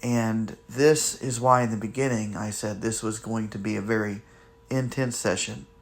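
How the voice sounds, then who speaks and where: A man hosting a spirit box session, commenting to viewers in deliberate, halting phrases with pauses. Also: on the low side, fairly even intonation, gravelly. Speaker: paranormal investigator and host.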